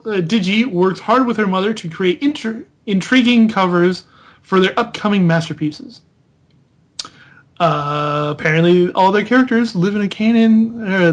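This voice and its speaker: A man hosting an unscripted podcast critique, reading a character bio aloud and stopping to mock and correct it. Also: high voice. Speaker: podcast host.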